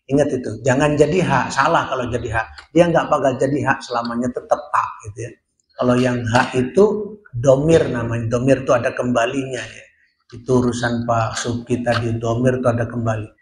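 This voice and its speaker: A man gives a recitation lesson at an unhurried pace, modeling each sound aloud before explaining it. His mid-pitched voice rings around a small prayer room with plenty of echo. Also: slight background noise. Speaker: Quran recitation teacher. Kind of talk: tajwid lesson at a prayer hall.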